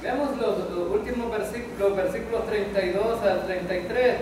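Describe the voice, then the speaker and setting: A man's voice: sits high, moderate pace, background noise. A man preaching a Bible study sermon as pastor, often asking the congregation questions. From El Salvador. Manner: asks the congregation questions, repeating "¿verdad?". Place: church. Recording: echoey church hall, mic at a distance.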